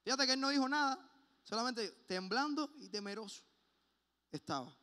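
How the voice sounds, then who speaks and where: Guy preaching in church, high bright voice, gets loud then goes quiet, big echoey hall. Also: expressive, moderate pace. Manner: impassioned, swings between loud emphasis and hushed personal asides. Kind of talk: sermon. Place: church sanctuary. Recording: long hall reverb.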